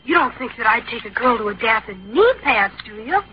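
A woman plays an awkward, earnest young teenage boy in a vintage radio comedy. The voice is high, hesitant and stammering, and the sound is dull and lo-fi. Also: lively intonation, fairly quick, heavy background noise, lightly acted. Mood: bashful. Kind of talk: old-time radio comedy acting. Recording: dull lo-fi old radio recording.

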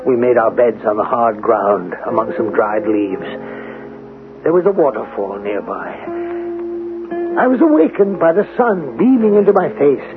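An actor playing Sancho Panza, a humble, practical squire who also narrates, in a vintage radio drama. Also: male voice, mid-range voice, very animated, moderate pace, over music, lightly acted. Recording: lo-fi phone-like band, noisy old recording.

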